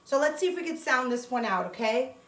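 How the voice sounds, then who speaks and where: A woman's voice: sits high, lively intonation, brisk, a bit bright, reverberant. A woman teacher giving a cheerful phonics lesson to young children, sounding out letters and words one by one. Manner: cheerful and encouraging.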